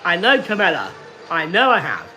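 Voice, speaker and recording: A man in his late thirties talking slowly and deliberately to viewers on a casual live stream, repeating himself often. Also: sits high, wildly swooping pitch, pushed and bright. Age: 30s. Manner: slow, deliberate and repetitive. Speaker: livestreamer.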